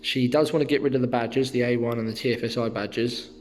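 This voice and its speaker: A young man chats casually to his viewers about working on a car, relaxed and rambling with plenty of fillers. His voice is strained and partly gone, though it sits at an ordinary mid pitch. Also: a little fast. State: losing his voice. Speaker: car detailing vlogger. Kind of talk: casual vlog chat to camera.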